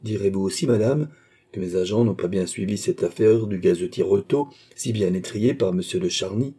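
A man's voice: lowish voice, a little fast, dark tone, breathy edge. A man reading an audiobook, voicing a suave male police chief who speaks with polite, smug deference.

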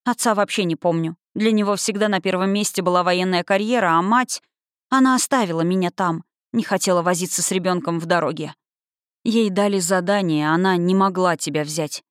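A woman's voice: on the low side, a little fast, clear, resonant tone, no room sound, studio quality, natural voice. A woman voicing a self-assured male investigator with a teasing manner in an audiobook. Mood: explaining.

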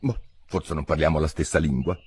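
A man's voice: rumbling low, fairly quick, darkish tone, husky, pitched below the performer's own voice, full character voice. A man voicing a well-meaning, talkative young girl in an audiobook, raising his voice to sound girlish. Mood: musing. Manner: eager, chattering, tactless.

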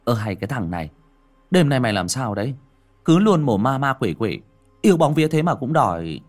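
Man playing a cocky young villager, quick blunt talk, husky lively voice. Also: lowish voice, soft background music. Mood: mocking.

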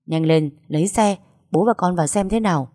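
Một người phụ nữ đọc truyện lồng tiếng một ông bố lớn tuổi, nói điềm tĩnh và dứt khoát. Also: female voice, fairly low pitch, brisk, warm tone, natural voice. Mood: firm. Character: older father, calm and firm.

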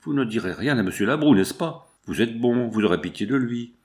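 A man's voice: mid-range voice, animated, brisk, darkish tone, close to an everyday voice. A man reading the part of a young widowed woman, anxious and pleading, in an audiobook.

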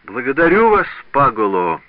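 A man voicing a lively, mocking young woman in an audiobook. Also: medium pitch, moderate pace, dry recording, muffled recording, pitched above the performer's own voice, close to an everyday voice. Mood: proud. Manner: laughing, teasing speech.

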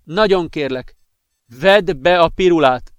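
A worried young woman, her voice lifted high and strained as she begs and pleads, performed by a male reader. The sound is close and dry. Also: clean tone, no echo, muffled recording, natural voice. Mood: worried pleading. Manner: pleading, pained. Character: worried young blonde woman, caring girlfriend.

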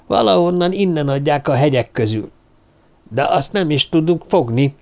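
A man's voice: on the high side, vocal fry. A man doing a nervous little dwarf man. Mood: worried. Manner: hushed, nervous telling. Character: anxious little dwarf man, the group's talker. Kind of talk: audiobook character voice.

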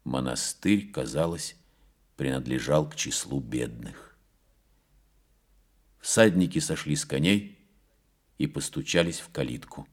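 A man reading a historical novel aloud as an audiobook, in calm, measured narration. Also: extremely low pitch. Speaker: audiobook reader. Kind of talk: scripted narration.

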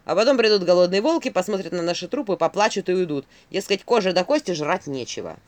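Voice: mid-range voice, expressive, fast, no echo, natural voice. A narrator voicing a sly, money-minded male forest spirit who talks in a smirking, sardonic way. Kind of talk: audiobook character voice.

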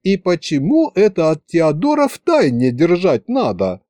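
A man's voice: on the high side, huge pitch swings, normal speed, mellow, no echo, voice pushed up. A man voicing a capricious young woman who drawls in a whiny, impatient way.

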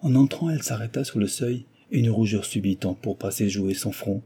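A male audiobook narrator reading a classic novel in a measured, expressive way. His voice is low and very dark, with a husky, slightly breathy grain. The delivery stays even and storytelling-paced.

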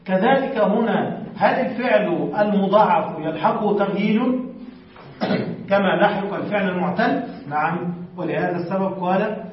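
A man's voice: sits high, moderate pace, slight background noise. A man teaching Arabic morphology to a class, reading from a text and putting questions to the students, then answering them himself. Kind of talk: classroom lesson explaining a text. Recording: distant, muffled, very echoey room recording.

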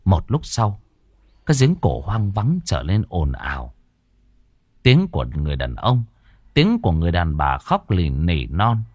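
A man's voice: low-pitched, wildly swooping pitch, unhurried, a little mellow, dry recording, studio quality. A man narrating a ghost story with a dramatic delivery.

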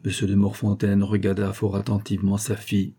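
A man narrating a classic novel as an audiobook in a measured, even delivery. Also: fairly low pitch, creaky, slightly rough.

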